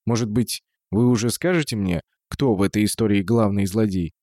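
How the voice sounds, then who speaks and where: A man's voice: fairly low pitch, moderate pace, a little mellow, no room sound, close to an everyday voice. A man voicing a composed, middle-aged male investigator who speaks politely with dry irony.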